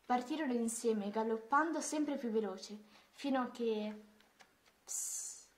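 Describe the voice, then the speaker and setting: A woman reading a children's Christmas story aloud, in a gentle, expressive way. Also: fairly high pitch, measured pace.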